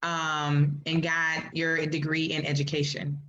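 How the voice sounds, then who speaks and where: Chatty low-voiced woman host, lo-fi. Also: unhurried, slight background noise. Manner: lively, informal, chatty. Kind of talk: live-stream interview hosting. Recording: dull lo-fi stream audio.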